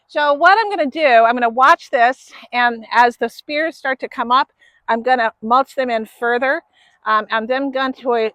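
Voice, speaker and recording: A woman hosting a gardening video outdoors, explaining her planting in a relaxed, chatty way. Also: fairly high pitch, no room sound. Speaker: gardening channel host. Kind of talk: casual how-to gardening talk. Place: outdoors in a garden bed in a grassy field.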